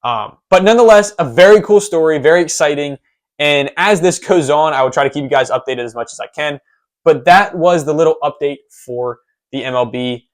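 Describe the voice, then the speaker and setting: A man's voice: a little high, brisk. A young man hosting a solo sports podcast, telling a story in a conversational way with casual fillers. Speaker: podcast host.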